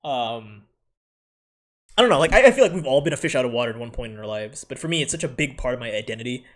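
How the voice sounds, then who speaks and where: Speaking quickly in a mid-range, animated, fairly bright voice, this Philippines-raised man with an American accent ranks anime in a loose, rambling way. He fills his talk with fillers, corrects himself, and laughs a lot.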